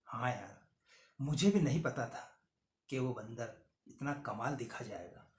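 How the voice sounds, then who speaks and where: A man's voice: mid-range voice, a little slow, natural voice. A man reading the lines of an easygoing young male friend with stomach trouble, in plain, casual friendly talk. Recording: roomy echo.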